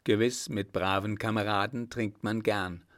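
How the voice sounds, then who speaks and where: A resourceful servant talks in a friendly, chatty way, as a man reads him. The voice is low and relaxed in pace. It sounds like a storybook reading. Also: unhurried, no echo, clean studio sound. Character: cheerful, resourceful servant befriending a coachman.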